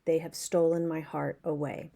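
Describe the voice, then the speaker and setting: A woman's voice: deep voice, flat delivery, moderate pace, gravelly, warm tone. A woman voicing a brawny working-class washerwoman, half-speaking song lyrics in a put-on Irish accent. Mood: wistful.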